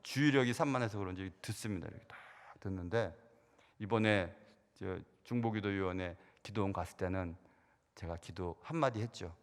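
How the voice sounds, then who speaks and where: A middle-aged man, a senior pastor, preaching a sermon and telling stories, his voice rising loud and then dropping quiet, with repeated words. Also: low-pitched, normal speed. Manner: storytelling, swings from loud to hushed, repeats words. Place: church sanctuary. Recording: church sanctuary reverb.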